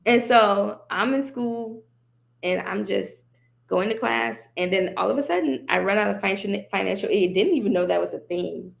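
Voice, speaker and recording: Here a gravelly-voiced woman of medium pitch speaks at a normal speed. She's a podcast guest telling her story conversationally, animated throughout and frequently laughing as she quotes herself and the people around her.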